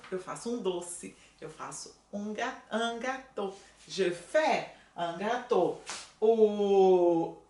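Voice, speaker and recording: Brief: woman French teacher, higher voice that leaps around, leisurely pace, always checking in with viewers. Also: distant mic. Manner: slow, drawn-out model pronunciations with lively coaching asides; frequent tag questions to viewers. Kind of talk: online language lesson. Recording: roomy echo, voice a bit off-mic.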